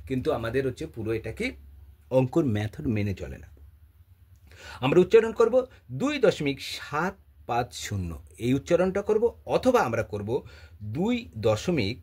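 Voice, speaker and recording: A man's voice: medium pitch, slightly rough. A male math teacher explaining a lesson at a board, asking questions and answering them himself, with a Bengali accent. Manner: asks and answers his own questions; repeats phrases while writing.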